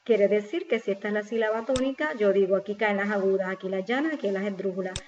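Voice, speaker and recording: A woman's voice: medium pitch, fast, darkish tone. A woman walks through a spelling exercise like a patient teacher, breaking each point down and posing questions she then answers herself. The recording sounds a little dull and lo-fi, with a faint hiss underneath. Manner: patient, step-by-step, asks and answers own questions. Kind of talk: explaining a grammar exercise.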